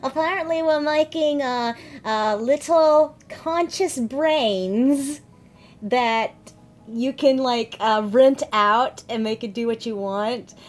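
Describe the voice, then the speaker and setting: A woman co-hosting a casual reaction stream, giving blunt, animated opinions. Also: high-pitched, takes it slowly. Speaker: vtuber co-host reacting to news.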